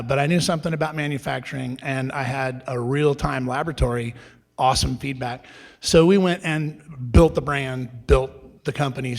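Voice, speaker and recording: Middle-aged man, guest speaker, animated storyteller, mid-pitched voice. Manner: animated, restarts, acts out quoted dialogue. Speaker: entrepreneur guest. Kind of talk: conversational storytelling at a live event.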